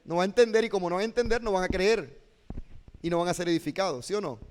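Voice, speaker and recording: A man teaching a preaching class as a pastor, lively and constantly checking in with his listeners. His voice sits a bit high for a man. It rings with long reverb. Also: fast talker. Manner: animated, asks "¿sí o no?" of listeners. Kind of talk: classroom lecture with preaching demonstrations. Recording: hall reverb.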